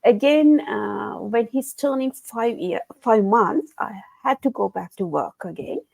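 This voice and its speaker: A woman's voice: a little high, lively intonation, measured pace, gravelly, no echo, low-quality recording. Woman from sri lanka on a video call, earnest, dry close sound. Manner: earnest, non-native phrasing, soft laughs. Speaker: guest, engineer. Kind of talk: casual interview chat. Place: home.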